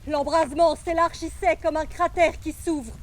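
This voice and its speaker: A woman on an outdoor stage narrating a historical novel in a measured storytelling voice. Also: sits high, steady tone. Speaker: narrator and actor.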